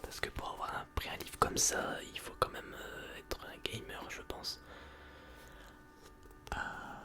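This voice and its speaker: A person in a whispered role-play, playing a polite, attentive librarian in a soft library whisper, explaining things with some hesitation. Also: a little slow. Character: polite, attentive, gently chiding public librarian serving a borrower. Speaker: ASMR performer playing a librarian.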